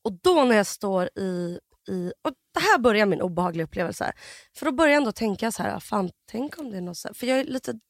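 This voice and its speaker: A woman's voice: medium pitch, big pitch swings, dry recording, studio quality. A young woman co-hosting a podcast, telling a story animatedly with lots of fillers and acted-out quotes. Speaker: podcast co-host.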